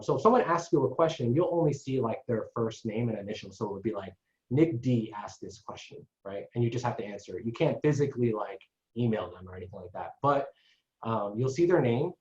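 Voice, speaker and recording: A man giving a casual marketing webinar to salon owners, chatty and constantly checking in with the listeners. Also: medium pitch. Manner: chatty, tags sentences with "right?". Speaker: marketing consultant presenter. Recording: echoey dull lo-fi online call.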